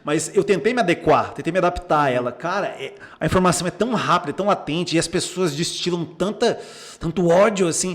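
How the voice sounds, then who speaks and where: A man's voice: fairly high pitch, quick pace. A young Brazilian man, a psychologist, chatting casually on a podcast and acting out the remarks he quotes. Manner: animated storyteller, acts out quoted remarks, frequent restarts. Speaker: psychologist guest.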